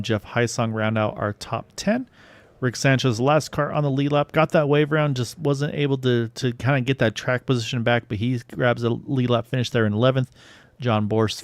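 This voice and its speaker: A man's voice: mid-range voice, smooth, dry recording. A man giving play-by-play commentary on an online sim race, his voice climbing as the action heats up. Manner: excited, rising with the action.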